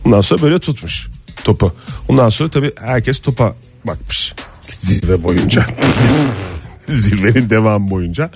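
A man co-hosting a morning radio show, telling news stories in a dry, joking way with drawn-out pauses. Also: lowish voice, lively intonation, music in the background. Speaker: radio co-host.

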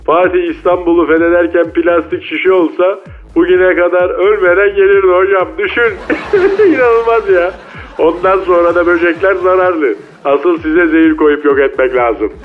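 A man's voice: high voice, steady tone, normal speed, faint music behind. A man voicing a cocky, slangy male mole cricket who speaks over a phone line in a comedy radio sketch. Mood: lecturing. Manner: slangy, boastful, taunting street talk. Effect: heard over a phone line.

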